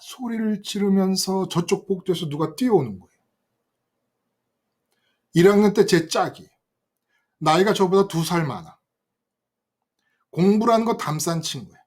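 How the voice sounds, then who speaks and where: An older man preaching a sermon, telling a story from his youth in an animated way and speaking directly to his listeners. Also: high voice, normal speed, long pauses. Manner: animated, acts out quoted voices and addresses listeners directly. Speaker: pastor.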